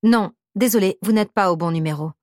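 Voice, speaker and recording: A rattled young American man on the phone, read by a woman narrator, quick to apologize and to put himself down. He talks in a hurry. The audiobook recording is dry and close. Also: medium pitch, darkish tone, dry recording, close to an everyday voice. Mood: polite. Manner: hurried, self-deprecating, apologetic. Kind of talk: audiobook character voice.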